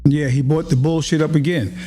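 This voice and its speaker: A man's voice: a little high, steady tone, fairly quick, dark tone, soft background music. A man hosting a podcast, reacting bluntly to a clip in slangy, preachy commentary. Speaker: podcast host.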